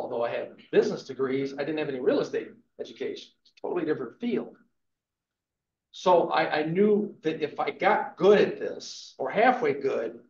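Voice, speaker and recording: Emphatic man in his fifties teaching a class. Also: fairly high pitch. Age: 50s. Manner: emphatic, motivational, peppers talk with "okay". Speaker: real estate instructor. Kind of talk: live class lecture. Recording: echoey room, dull lo-fi sound.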